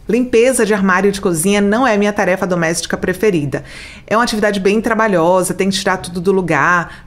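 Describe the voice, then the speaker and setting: Young woman, Brazilian Portuguese accent, casual vlog voice-over, talks straight to viewers, medium pitch. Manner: chatty, addresses viewers directly. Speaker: home organization vlogger. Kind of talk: voice-over narration of cleaning.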